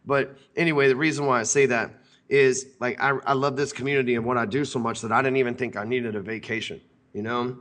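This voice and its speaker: This podcast host on sales speaks at a quick pace with fairly even intonation, his medium-pitched voice a bit bright. The talk is casual, brash, rambling and profane.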